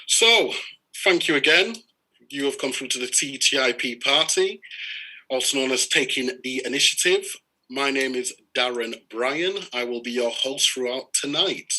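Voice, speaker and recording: Man, meeting host, polite, welcoming, bright tone. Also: medium pitch, expressive, moderate pace, low-quality recording. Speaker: host of an online party meeting. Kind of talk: live-streamed meeting hosting.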